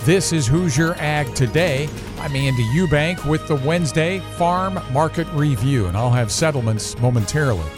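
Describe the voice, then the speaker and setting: A man's voice: fairly high pitch, normal speed, over music. A man hosting a radio farm market report. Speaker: farm market news host.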